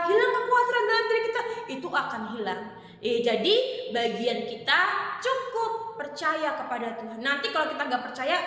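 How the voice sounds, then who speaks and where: Playful young woman preaching to children. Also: sits high. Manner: playful, animated, addresses kids directly. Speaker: children's ministry teacher. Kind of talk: children's sermon storytelling. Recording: echoey hall reverb.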